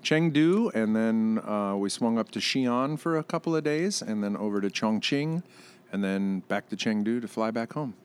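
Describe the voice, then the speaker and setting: A man's voice: fairly low pitch, lively intonation, normal speed, clean tone. Male restaurant owner, casual podcast guest, dry storyteller. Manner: wry storyteller, acts out quotes.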